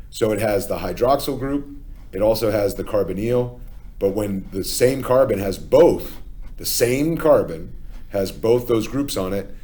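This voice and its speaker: A man's voice: fairly low pitch, warm tone. A man with a Philadelphia accent, teaching a chemistry lesson step by step and often checking in with "okay?". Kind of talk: classroom lecture.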